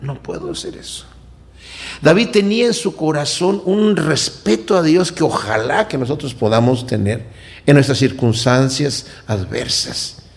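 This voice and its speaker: A man preaching a sermon in an animated way, full of rhetorical questions and acted-out quotes. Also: on the high side, measured pace, vocal fry.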